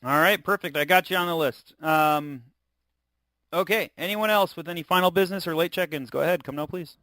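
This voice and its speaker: A man hosting an amateur radio check-in net as net control, speaking in an informal, halting way. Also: on the high side, sharp tone.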